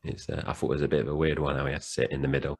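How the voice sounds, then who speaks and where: A man's voice: rumbling low, little pitch movement, very fast, creaky, a little mellow, breathy edge. A man co-hosting a film podcast, chatting casually and retelling scenes with lots of fillers. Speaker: podcast co-host. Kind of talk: casual film review chat.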